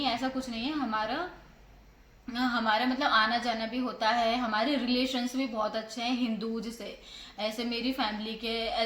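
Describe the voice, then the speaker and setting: Rajasthani woman chatting on her vlog, kinda high voice, roomy echo and faint hiss behind. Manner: relaxed, talks in long chatty runs with many fillers. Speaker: vlogger, co-host with husband. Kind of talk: casual couple vlog chat. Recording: echoey room, faint background noise.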